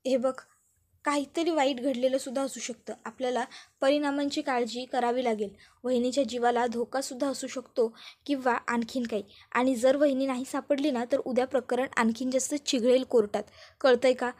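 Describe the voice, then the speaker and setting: A woman's voice: sits high, steady tone, normal speed, darkish tone. A woman voicing a worried young man urging his elder brother to search for his missing sister-in-law. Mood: urgent. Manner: urgent, persuasive.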